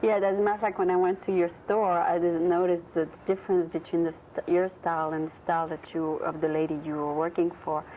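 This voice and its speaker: A woman's voice: on the low side, little pitch movement, a little fast, hardly any pauses, warm tone. A woman host from Tunisia interviewing a guest on a local TV show, speaking hesitantly and searching for her words. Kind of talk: studio interview. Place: TV studio. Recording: noisy early-1990s TV audio.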